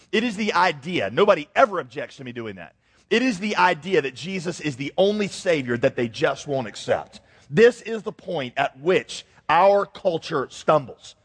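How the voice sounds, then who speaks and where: Pastor guy preaching, husky and kinda high voice, acts out little voices, big echoey hall. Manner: animated storytelling with acted-out voices. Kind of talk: sermon.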